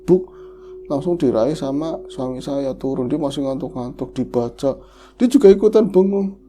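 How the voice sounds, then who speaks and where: A man's voice: medium pitch, moderate pace, mellow. A man hosting a horror podcast, emotionally retelling a listener's tragic story in the first person.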